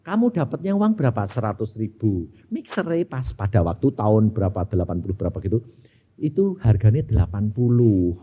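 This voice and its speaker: Male pastor, Javanese accent, lively pitch, storytelling sermon, dull lo-fi sound. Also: brisk, slightly rough. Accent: Javanese Indonesian. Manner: animated storytelling, switching into dialogue voices. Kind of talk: sermon with acted-out anecdote.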